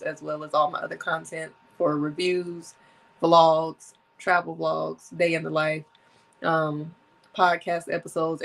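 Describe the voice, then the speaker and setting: On her solo podcast, a thirtysomething woman chats casually and with lots of energy, laughing frequently and taking sips of her drink. She has a deep, gravelly voice, and the audio quality is poor.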